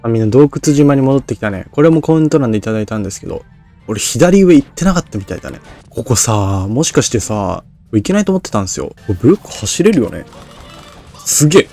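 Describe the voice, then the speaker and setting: A man's voice: mid-range voice, big pitch swings, fast talker, dark tone, soft background music. Male game commentator, mumbly and unclear, thinks aloud and puts himself down. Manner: rambling, self-deprecating, thinks aloud. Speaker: game streamer. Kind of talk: casual Let's Play commentary.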